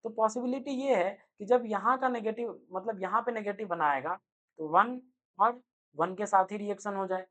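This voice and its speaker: A young man giving an energetic online chemistry lecture, speaking loudly and constantly quizzing his students with quick rhetorical questions. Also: sits high. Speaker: chemistry teacher. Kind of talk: online exam-prep lecture.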